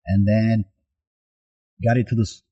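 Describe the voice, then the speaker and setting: A Mexican soccer coach, appearing as a podcast guest, recounts his life story in conversation, animatedly acting out the dialogue he remembers. His voice is lowish, slow and husky, and the recording sounds muffled.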